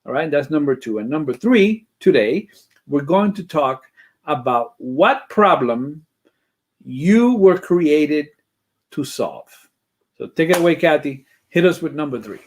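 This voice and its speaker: A man's voice: fairly high pitch, expressive, measured pace. A man hosting a faith talk show, introducing his co-host and cheering her on with short replies. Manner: encouraging, backchannels with mm-hmm. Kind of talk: casual chat.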